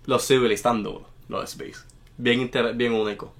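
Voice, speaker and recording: A man's voice: medium pitch, steady tone, normal speed, gravelly, fairly bright tone. A man who can't roll his R, joking around as a podcast co-host and switching between Spanish and English. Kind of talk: casual podcast banter.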